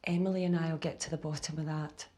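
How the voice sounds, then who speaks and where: An actress playing a composed, conciliatory senior woman scientist in a measured, understated dramatic style. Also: low-pitched, fairly even intonation, dark tone. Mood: grave. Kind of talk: naturalistic dramatic film-style acting.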